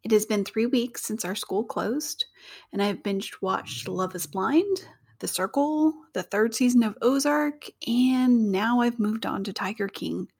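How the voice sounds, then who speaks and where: A woman's voice: on the high side, a little slow, vocal fry, darkish tone, breathy edge. A woman co-hosting a teaching podcast from home, talking in a chatty, informal, self-deprecating way. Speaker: podcast co-host, science teacher. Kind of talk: casual solo podcast talk. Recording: uneven home audio, edited.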